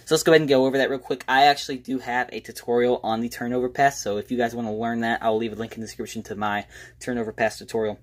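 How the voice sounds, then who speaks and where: A man's voice: mid-range voice, level tone, rapid-fire. A man presenting a casual, step-by-step magic tutorial in an informal, self-deprecating way.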